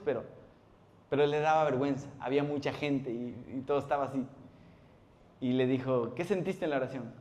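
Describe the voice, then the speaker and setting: Pastor, mid-pitched male voice, lively storytelling sermon that acts out the voices in its stories. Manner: animated storytelling, acts out voices, laughs often. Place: church.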